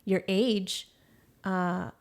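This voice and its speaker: A woman's voice: mid-range voice, steady tone, very slow, vocal fry. A woman hosting a casual interview, supportive and reflective, summing up what her guest says. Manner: supportive, reflective, repeats and sums up. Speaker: podcast host.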